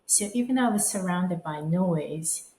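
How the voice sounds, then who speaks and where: Thoughtful and reflective, this design firm co-managing director appears as a podcast guest, frequently giving affirming murmurs as she listens. Her fairly low voice is expressive and a little mellow, at a moderate pace, and the room is echoey with faint background noise.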